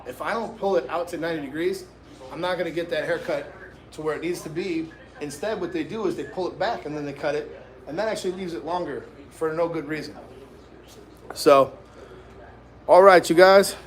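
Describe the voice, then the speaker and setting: Casual man with a higher-pitched voice, tutorial talk. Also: quick pace, reverberant. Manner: informal, slangy, addresses viewers directly. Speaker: barber and livestream host giving a haircut tutorial.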